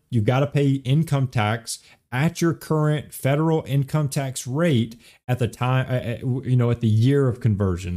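Speaking in a mellow, medium-pitched voice, a young podcast host explains retirement accounts one step at a time. He keeps asking the listener "okay?" and "right?" and goes back over the main points.

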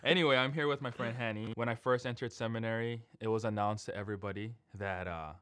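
A man's voice: fairly low pitch, fairly even intonation, a bit bright, no echo, clean studio sound. A man hosting a podcast, talking casually and joking easily with his guest. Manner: friendly, joking, quick laugh. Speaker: podcast host. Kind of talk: casual interview chat.

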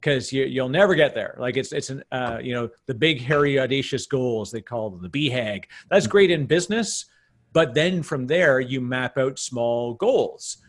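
A man's voice: mid-range voice, moderate pace. Canadian man hosting a podcast. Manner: animated, lots of restarts and emphatic asides. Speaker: podcast host. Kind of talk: casual podcast conversation.

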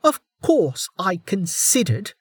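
A man puts on a raised voice for a fierce masked woman fugitive in a storybook, pitched well above his own. She is cold, snappish and threatening, the dry sound close and clean. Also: slow pace, slightly rough, no room sound, full character voice. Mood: furious. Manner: snappish and menacing.

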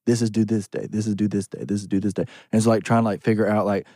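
A man's voice: fairly low pitch, little pitch movement, fast, mellow, dry recording. A man in his early twenties chatting casually on a podcast, rambling with lots of "like". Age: 20s. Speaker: podcast co-host. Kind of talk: casual chat.

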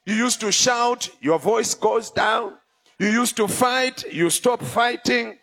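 A man preaching a fervent sermon as bishop, calling on the congregation to respond and often shouting his points. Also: very high-pitched, slow.

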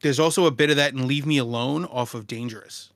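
A man's voice: mid-range voice, fast, fairly bright tone, no echo, studio quality. A man co-hosting a casual podcast, teasing and swearing while talking in a car. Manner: teasing, profane banter. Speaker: podcast co-host. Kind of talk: casual chat.

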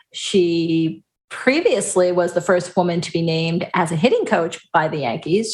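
A woman co-hosting a casual baseball podcast, chatty and joking, laughing often. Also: on the low side. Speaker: podcast co-host.

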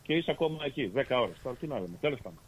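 A man hosting a sports podcast, reading league standings and chatting in a steady, methodical way with fillers and self-corrections. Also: mid-range voice, slightly rough, low-quality recording. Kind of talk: reading sports results and casual chat. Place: lives in Australia.

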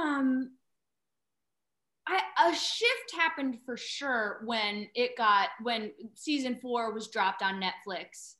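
A woman in her thirties, an actress guest telling stories in casual chat, animated and laughing often. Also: mid-range voice, echoey room.

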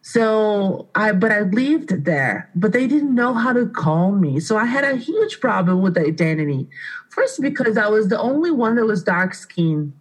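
This art studio owner from Brazil, a woman in her thirties, speaks English with a Brazilian Portuguese accent. She is husky and mid-range with big pitch swings and a measured pace, sharing her life story earnestly as a radio guest. Her heartfelt telling has many restarts, and the audio is poor.

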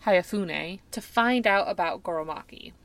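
Podcast co-host lady, lowish voice, recaps the movie scenes and asks stuff, dry close sound. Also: normal speed, a bit bright, no room sound. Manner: recaps scenes, asks questions, laughs easily. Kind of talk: casual film-discussion chat.

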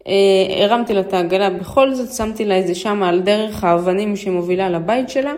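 Mellow Israeli woman, casual storyteller. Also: mid-range voice. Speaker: vlogger. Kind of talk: casual personal storytelling and appeal to listeners.

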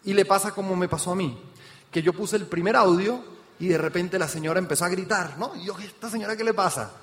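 A man giving an energetic motivational business seminar talk, speaking straight to the audience with rhetorical questions. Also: sits high, a little fast. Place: event hall with an audience. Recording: reverberant hall sound.

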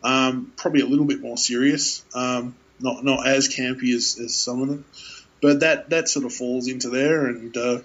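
A man's voice: medium pitch, steady tone, normal speed, a bit bright. Rambling man, dull lo-fi sound. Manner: rambling, many fillers and restarts, laughs often. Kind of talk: casual chat about films.

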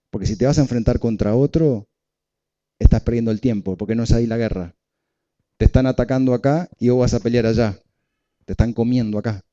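A man's voice: mid-range voice, dark tone, highs cut off. A male pastor preaching a sermon, repeating key phrases and asking the congregation questions.

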